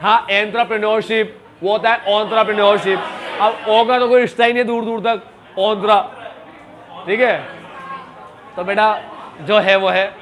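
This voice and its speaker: A man's voice: sits high, fairly even intonation, moderate pace, a bit bright, some chatter behind. A man teaching a class, chatty and joking, mixing Hindi and English terms. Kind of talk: classroom lecture.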